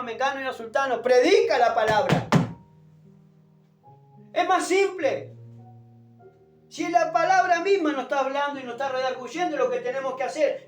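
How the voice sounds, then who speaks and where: A preacher delivers a fervent evangelical sermon in a high-pitched voice, his throat sore and strained as he exhorts forcefully. He's emphatic, repeats phrases and calls listeners "brother." He preaches unamplified in an echoing room, picked up distantly without a microphone, with music behind him.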